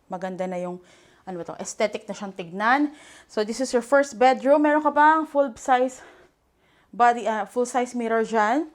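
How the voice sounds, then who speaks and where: A woman's voice: a little high, moderate pace. A young Filipino woman leading a chatty, enthusiastic house tour, mixing English and Tagalog. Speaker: real estate agent giving a house tour. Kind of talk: casual walkthrough tour.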